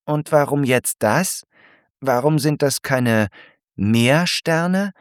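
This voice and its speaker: Man doing a tiny proud snail lady, high and slow, full of questions. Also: lively intonation, dry recording, studio quality. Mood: puzzled. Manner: fussy, questioning, easily amazed. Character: small curious proud female garden snail. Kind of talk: storybook character voice.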